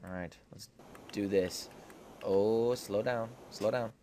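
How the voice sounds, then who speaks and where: A man's voice: lowish voice, steady tone, slow pace, warm tone, slight background noise. A young man giving casual gameplay commentary, repeating short phrases to himself. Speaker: gaming video host.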